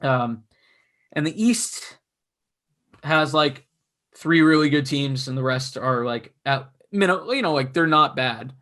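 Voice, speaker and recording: A young man co-hosting a casual sports podcast, chatty and analytical, his voice going hoarse. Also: a little high, unhurried, bright, forceful tone. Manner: chatty, analytical, self-mocking. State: losing his voice. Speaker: podcast co-host.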